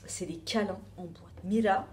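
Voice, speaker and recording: A woman's voice: medium pitch, normal speed, heavy background noise. A woman with a French accent reviewing a beauty box in a casual, rambling chat full of asides and fillers.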